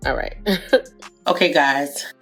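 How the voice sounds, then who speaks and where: A low-pitched woman with a stuffy, nasal voice from being sick reviews her makeup in a loose, chatty way. She often repeats herself and keeps turning to her viewers. Faint music plays in the background. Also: slow pace, a bit bright. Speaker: beauty vlogger. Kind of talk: casual makeup review to camera.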